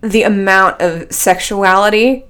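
A woman in casual podcast chat, agreeing easily and walking through each scene of an episode in order. Her pitch and energy are ordinary, and she laughs often as she talks. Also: steady tone, unhurried, fairly bright tone, smooth. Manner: chatty, agreeable, recounts scenes step by step. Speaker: podcast co-host. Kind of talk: casual chat recapping a TV show.

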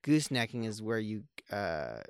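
Rambling man, smooth dry voice. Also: on the low side, sing-song, moderate pace, no echo. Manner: rambling, with many fillers and restarts; joking, wry. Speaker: podcast co-host. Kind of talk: casual conversational film chat.

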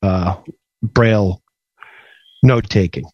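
A man calling in to a radio show, talking enthusiastically but haltingly, with many fillers. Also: on the low side, slightly rough, no room sound, muffled recording. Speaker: caller. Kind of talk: call-in radio chat.

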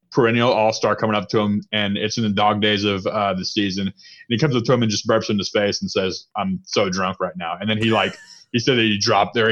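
A man's voice: lowish voice, fairly bright tone, lo-fi sound. A man hosting a casual basketball podcast, telling long rambling stories and laughing as he goes. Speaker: podcast host. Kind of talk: casual sports chat.

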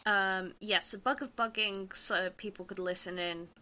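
Bright-voiced woman playing a tabletop game. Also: medium pitch, fairly even intonation, moderate pace. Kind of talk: casual in-game banter.

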